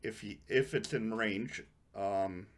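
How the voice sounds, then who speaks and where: A man's voice: on the low side, takes it slowly. A man running a tabletop game as game master, counting out distances and giving rulings aloud.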